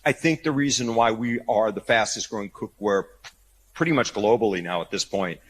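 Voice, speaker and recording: A man's voice: lowish voice, moderate pace, slight background noise, poor audio. A man, a company founder, telling stories in a casual interview, chatty and full of restarts and acted-out quotes. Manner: chatty, many restarts, acts out quoted dialogue. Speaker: company founder and CEO, guest.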